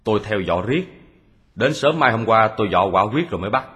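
A man playing a calm, methodical detective who patiently recounts how a crime was carried out, in a radio drama. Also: on the low side. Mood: steady. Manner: measured storytelling, steady. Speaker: detective explaining a solved case. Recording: long hall reverb.

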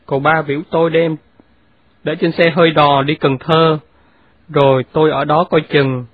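A woman's voice: low voice, little pitch movement, moderate pace, voice pushed down. A woman voicing a plain, deferential male household servant reporting matter-of-factly. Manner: matter-of-fact, respectful. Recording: phone-like narrow sound.

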